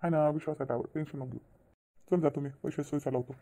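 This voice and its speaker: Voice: mid-range voice, fairly even intonation, fast talker, warm tone, natural voice. A voice actor playing a kind, trusting husband in a cartoon, soothing and reassuring his wife. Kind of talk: cartoon voice acting.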